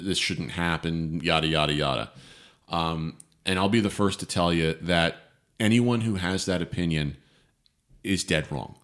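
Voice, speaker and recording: Deep-voiced man in his thirties, emphatic. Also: fairly bright tone. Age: 30s. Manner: emphatic, frequent fillers and restarts. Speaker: podcast co-host. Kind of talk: casual opinionated chat.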